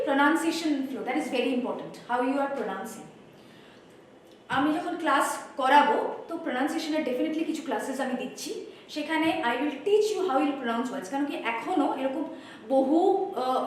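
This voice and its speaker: A Bengali-accented woman teacher lays out her spoken English course step by step, switching between Bengali and English. Her voice sits high and lands from a distance in a very echoey room. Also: a little hiss or hum. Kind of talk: course introduction lesson. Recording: roomy echo, voice from far off.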